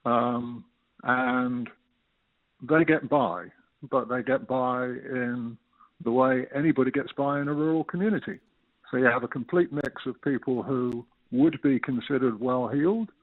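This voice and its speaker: Over a tinny phone line with no echo, a retired English resident in his sixties speaks as an interview guest. He explains things steadily and unhurriedly in a medium-pitched voice, dropping in a few fillers.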